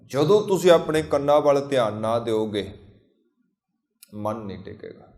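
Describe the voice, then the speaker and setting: A man giving a Sikh sermon, slowly chanting scripture lines between plain explanations and repeating phrases in lists. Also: mid-range voice, expressive, darkish tone, echoey room. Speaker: Sikh preacher.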